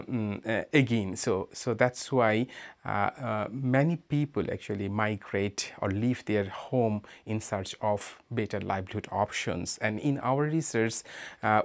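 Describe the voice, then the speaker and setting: A Bangladeshi man with a Bangladeshi accent gives an interview statement as a migrant rights advocate. His lowish voice is measured and hesitant, full of "uh" fillers.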